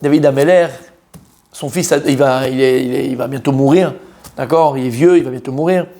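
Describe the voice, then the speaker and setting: A man teaching a Torah class in French, an animated teacher who quizzes his students, repeats key points and mixes in Hebrew terms. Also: mid-range voice, a little fast.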